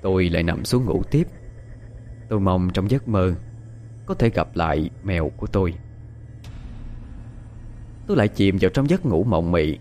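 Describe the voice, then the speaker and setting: A man narrating a ghost story in a dramatic, expressive storytelling manner. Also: on the low side. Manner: dramatic, expressive, panicked cries in character.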